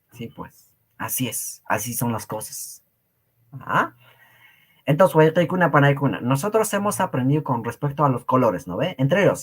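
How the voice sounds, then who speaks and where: Peruvian-accented male language teacher, slow, animated, jokey, repeats himself. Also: mid-range voice. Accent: Peruvian Spanish. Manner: joking, laughs often, repeats phrases to students. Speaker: Quechua teacher. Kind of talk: online language class.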